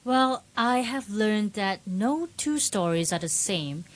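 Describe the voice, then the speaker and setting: A woman's voice: mid-range voice, lively intonation, slow pace. A woman from Malaysia hosting a radio program, reading upbeat scripted links. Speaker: radio host.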